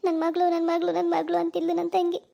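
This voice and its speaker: A grieving old village aunt in a cartoon, played by a woman, lamenting and tearful, her voice very high-pitched. She speaks, with heavy sighs of "ayyo". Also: monotone, quick pace, vocal fry, warm tone, exaggerated voice. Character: elderly village aunt mourning her sister. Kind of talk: cartoon voice acting.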